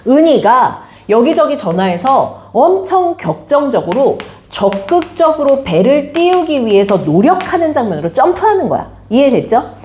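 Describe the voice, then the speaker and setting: Animated woman teacher quizzing her class. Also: sits high, normal speed, hardly any pauses, slight background noise. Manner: animated, quizzes students with questions. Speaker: high school teacher. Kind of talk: classroom literature lecture.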